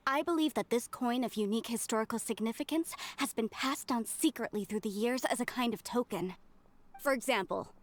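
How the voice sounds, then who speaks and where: Earnest, higher-pitched female researcher acted by a woman. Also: natural voice. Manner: formal, precise, explanatory. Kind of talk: video game voice acting.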